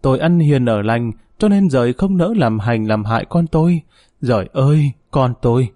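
A man's voice: mid-range voice, lively intonation, moderate pace, warm tone, no room sound, natural voice. A man voicing a distraught, doting middle-aged mother who wails and scolds shrilly. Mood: wailing.

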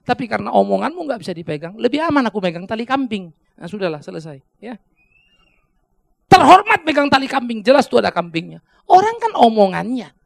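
A male pastor preaching with a very gravelly, creaky voice that sits fairly high and swings widely in pitch. He talks to the congregation in a chatty way, slips in jokes, and breaks into sudden emphatic bursts. The sound is close and dry. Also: very animated, fairly quick, no room sound. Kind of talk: sermon.

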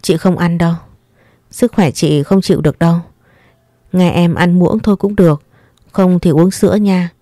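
A woman voicing a caring young man in a spoken story, talking in a soft, soothing, patient way. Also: fairly low pitch, steady tone, moderate pace, pauses often, dry recording, clean studio sound, close to an everyday voice. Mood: gently coaxing.

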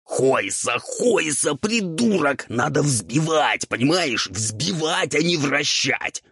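A man's voice: medium pitch, animated, slow pace, fairly bright tone, husky, dry recording, studio quality, pitched above the performer's own voice, exaggerated voice. A man voicing a fussy, irritable male ghoul cook who hisses and scolds in a strained, altered timbre. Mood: furious. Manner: scolding, bossy.

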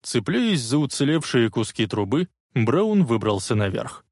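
Male audiobook narrator, expressive and lively, dry close sound. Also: mid-range voice, measured pace, breathy edge, no echo. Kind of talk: dramatic audiobook reading.

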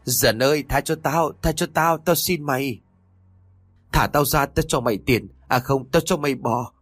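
A man's voice: normal speed, fairly bright tone, slightly rough, no room sound. Man voicing a cowardly, pleading old villager. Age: older. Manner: high, panicky, begging.

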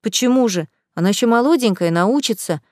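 A woman's voice: a little high, lively intonation, fairly quick, darkish tone, dry recording, clean studio sound, natural voice. A woman voicing a bold, meddlesome young woman who teases in a drawl, in a storybook reading. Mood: excited. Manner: teasing, drawling.

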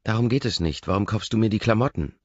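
A man voicing a shy, earnest young woman with a soft, slightly raised voice, in a dull, dry audiobook recording. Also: lowish voice, fast talker, no echo, pitched above the performer's own voice, natural voice.

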